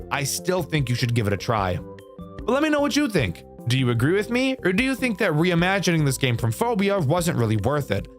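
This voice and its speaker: A young male YouTuber talks through a horror game in a loose, candid review, with swearing dropped in casually. His pitch swings up and down a lot as he goes, over faint music in the background. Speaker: gaming YouTuber.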